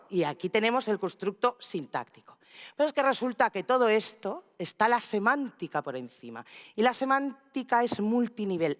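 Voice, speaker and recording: A woman delivers an animated conference talk, her pitch swinging widely as she acts out quoted voices with playful energy. Her voice carries a long reverb from a large hall. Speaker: speaker.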